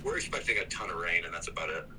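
A man's voice: deep voice, lively intonation, racing, crowd noise. A man talking in a casual, easygoing way as a friend calling in, heard over a speakerphone. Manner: laid-back, easygoing, slangy. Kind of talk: casual phone chat.

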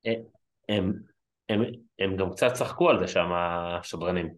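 A man co-hosting a wrestling podcast, speaking in a measured, candid way in casual chat. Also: low voice, a crowd in the background.

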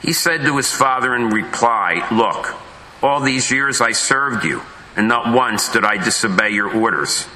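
A pastor reading a Gospel passage aloud at Mass in a measured, solemn way, his voice carrying with a big church echo. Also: medium pitch, pushed and bright, a little hiss or hum. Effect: big echoing church reverb. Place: large church. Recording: roomy echoing church sound.

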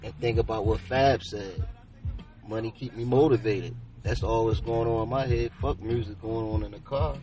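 Low, blunt, laid-back man off-mic. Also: fairly even intonation, normal speed, recorded from a distance, highs cut off. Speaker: guest. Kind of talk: casual late-night chat. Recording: off-mic with clear music behind.

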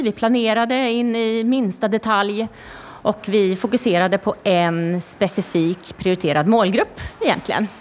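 A woman's voice: on the high side, in a large hall. A woman speaking cheerfully in a casual interview about her team's winning campaign. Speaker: campaign award winner.

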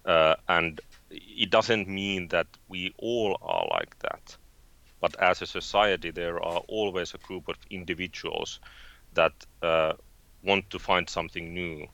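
Finnish guest, 40s, very low flat voice, halting delivery, slightly muffled recording. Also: male voice, gravelly. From Finland. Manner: halting, many fillers and restarts. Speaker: guest, space company founder. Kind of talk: interview conversation.

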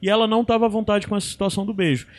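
A man's voice: high voice, fairly even intonation, rapid-fire. A man in casual podcast chat, slangy and rambling.

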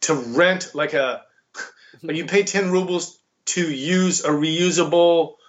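High-voiced, animated American man. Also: slow, lo-fi sound. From United States. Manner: animated, laughing, profane, says bro and dude a lot. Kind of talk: casual storytelling chat.

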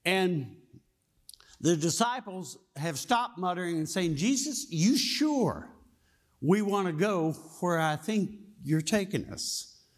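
High-voiced, unhurried man preaching. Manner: folksy storytelling, asks the congregation questions. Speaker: pastor. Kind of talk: sermon.

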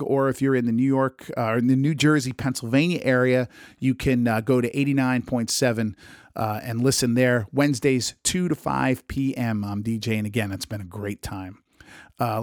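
A man with a strained, struggling voice, talking casually and a bit haltingly as he hosts a solo podcast. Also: mid-range voice, dry recording, studio quality. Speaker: podcast host and radio DJ.

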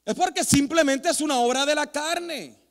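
A man preaching as a pastor, telling animated, self-mocking stories with many restarts. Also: very high voice, normal speed. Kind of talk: storytelling sermon. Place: church sanctuary. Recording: long hall reverb in a church.

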